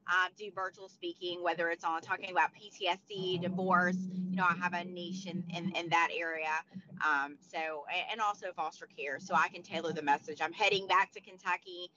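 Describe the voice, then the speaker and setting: Hoarse, chatty woman in her forties. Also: on the low side, sharp tone, slight background noise. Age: 40s. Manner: chatty, many restarts and fillers. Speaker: guest, motivational speaker. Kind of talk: casual interview chat. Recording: dull lo-fi sound.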